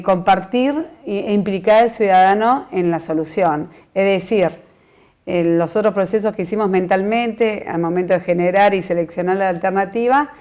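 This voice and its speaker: Measured Uruguayan woman giving a lesson. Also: medium pitch, darkish tone. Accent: Uruguayan Spanish. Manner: measured, explanatory, with frequent fillers and restarts. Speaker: course instructor. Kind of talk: recorded training lecture.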